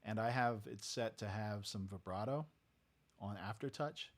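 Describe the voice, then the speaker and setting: This casual studio tutorial features a man with a lowish voice, speaking a little slowly over soft background music. Relaxed and methodical, he teaches a talk box technique at home step by step, asking "right?" along the way.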